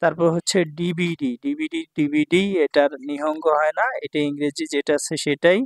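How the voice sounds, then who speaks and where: Male language teacher, patient and explanatory, a bit high-pitched, dead dry sound. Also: level tone, moderate pace, dry recording. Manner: explains patiently, checks in with "ঠিক আছে ভাই?". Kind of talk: vocabulary lesson explanation.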